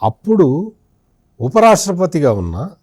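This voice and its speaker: A man's voice: a little high, very animated, a little slow, a little mellow, no echo, clean studio sound. A man, a senior journalist, giving accusing political commentary in an interview, firing rhetorical questions at an absent politician.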